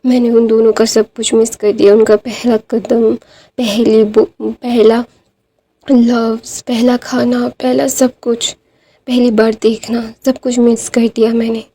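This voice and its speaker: एक औरत की आवाज़ में पछताता, रोता हुआ जवान पिता. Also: female voice, a little high, little pitch movement, unhurried, mellow. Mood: pleading. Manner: tearful stammering pleas. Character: remorseful young father, clingy pleading husband.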